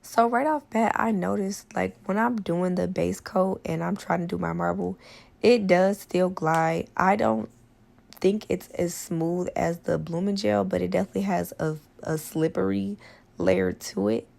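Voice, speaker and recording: A woman hoarse from a cold, with a smoker's rasp, giving a casual tutorial voice-over as a nail tech. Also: fairly low pitch, fairly even intonation, measured pace, a little mellow. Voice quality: smoker's rasp, gravelly, voice cracking. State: hoarse from a cold and sore throat. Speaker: nail tech doing a product test tutorial.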